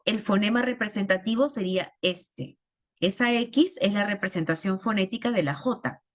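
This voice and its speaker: A woman's voice: medium pitch, fairly bright tone. Woman teaching phonetics. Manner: explanatory, checks in with listeners. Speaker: language therapy teacher. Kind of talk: lecture explaining phonetics.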